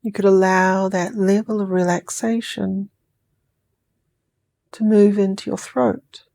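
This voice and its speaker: Creaky and dark in tone, this woman's mid-range voice stays level as she leads a sleep hypnosis session with a New Zealand accent. She stretches out her slow, comforting phrases and sometimes lowers them to a whisper.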